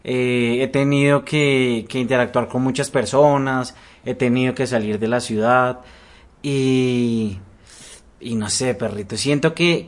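A man, co-hosting a casual podcast, rambling and hesitant with lots of fillers. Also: medium pitch. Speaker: podcast co-host. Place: studio, recorded in person.

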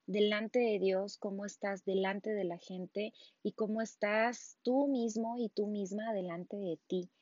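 Woman preaching in a relaxed chat. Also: mid-range voice, measured pace, hardly any pauses, no echo, muffled recording. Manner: conversational, frequent tag questions and restarts. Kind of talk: casual sermon.

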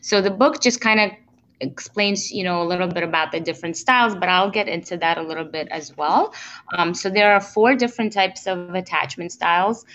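A woman relationship coach explaining ideas in a relaxed interview, with plenty of fillers and restarts. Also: lowish voice, a little fast, slight background noise, low-quality recording.

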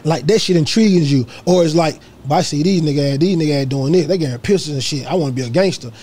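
A man's voice: fairly high pitch, fast, dark tone. A man interviewing a music artist in casual, slangy chat, often asking "you know what I'm saying".

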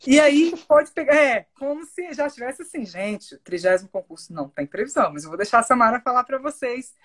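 A woman with a Brazilian accent hosts a casual interview. Her voice sits fairly high and has a husky, breathy edge. She talks in an informal, conversational way. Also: animated, brisk. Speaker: interviewer, host. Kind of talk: casual live interview chat.

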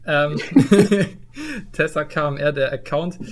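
A young man co-hosts a relaxed podcast, a touch high in pitch. He talks loosely, stumbling through fillers and laughing easily. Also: slow pace. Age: young adult. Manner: hesitant, many fillers, laughs often. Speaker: podcast co-host. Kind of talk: casual podcast chat.

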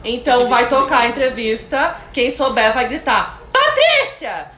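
A woman's voice: fairly high pitch, steady tone, moderate pace, heavy background noise. A woman co-hosting a live podcast, explaining game rules in a playful, teasing way. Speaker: podcast co-host. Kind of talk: casual live podcast chat. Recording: roomy live recording with audience.

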